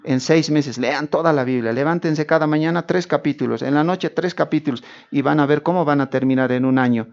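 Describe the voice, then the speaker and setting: A man's voice: on the high side, a little fast, few pauses, muffled recording. A man preaching a Bible teaching sermon in a conversational, joking way. He keeps asking his listeners rhetorical questions and calls them brother.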